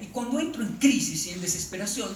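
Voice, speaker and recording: A man giving a humorous talk, telling stories in an animated way and acting out the voices he quotes. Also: high-pitched, quick pace. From Colombia. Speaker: speaker. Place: lecture hall. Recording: roomy, distant and noisy live hall.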